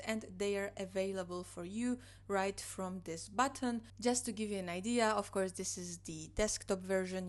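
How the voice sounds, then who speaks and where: Sitting indoors at her desk with a computer mic, a young woman who teaches Polish and speaks it natively walks through her online course on screen in English. Her voice is mid-range, and she explains patiently, often repeating points and saying "you know" to fill pauses.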